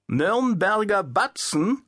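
A man plays a domineering Prussian sentry in an audiobook, suspicious and condescending as he barks orders. His voice sits a touch higher than usual and is recorded dry and close. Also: big pitch swings, slow, a bit bright, dry recording, exaggerated voice. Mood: commanding. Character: overbearing male Prussian sentry, adult, suspicious.

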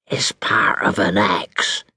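A man voicing a self-important pirate who leans in and talks in a hushed, knowing way. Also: mid-range voice, sing-song, slow, dry recording, studio quality, heavily acted. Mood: conspiratorial.

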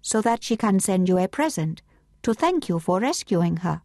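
Narrator doing sulky teen girl, curt, pitched up and lively, dry audiobook sound. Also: normal speed, no echo. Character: sulky proud teenage girl.

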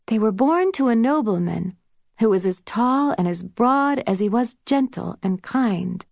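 A woman voicing a patient, gentle girl who murmurs softly, like a storyteller. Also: a little high, expressive, measured pace, gravelly, dry recording, clean studio sound, heavily acted. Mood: storytelling.

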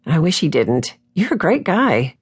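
A woman voicing a friendly, easygoing young male deputy with a warm, reassuring manner, read for an audiobook. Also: deep voice, very animated, unhurried, breathy edge, pitched above the performer's own voice, exaggerated voice. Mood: hopeful.

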